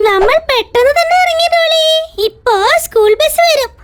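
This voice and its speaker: Bossy, shrill cartoon boy. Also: animated, moderate pace, loud music behind the voice. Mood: cheerful. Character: cheerful little boy Chitti caring for doll.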